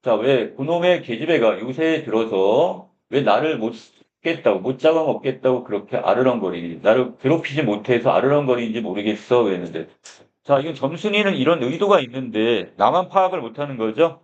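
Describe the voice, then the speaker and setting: A man's voice: mid-range voice, expressive, fairly quick. A male literature teacher explaining a short story in a lecture. He opens phrases with a repeated filler and asks questions that he answers himself. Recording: dull lo-fi sound.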